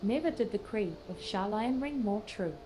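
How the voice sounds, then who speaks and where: Lively intonation colors this actress's natural mid-range voice as she portrays a scholarly, earnest woman sage for a fantasy game script. Her lines are formal, pensive and archaically phrased, delivered with measured, solemn reflection against background noise.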